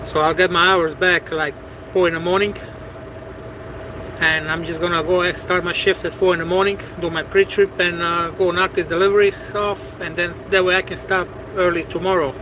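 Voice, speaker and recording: A man talks loosely to his live chat from a parked truck, stacking "you know"s and doubling back on his words. His voice sits a little high for a man, and a clear hum of air conditioning and passing vehicles fills the cab behind him. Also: little pitch movement, moderate pace. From Bosnia. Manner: rambling, repeats words, many "you know"s. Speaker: truck driver and livestream host. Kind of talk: casual livestream chat answering viewers.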